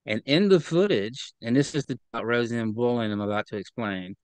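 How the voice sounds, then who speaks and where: Over a video call, a man speaks as an interview guest giving testimony, earnest and halting, repeating words when he gets upset. His mid-range voice is a little mellow and clean, with no room sound, though the recording is low quality.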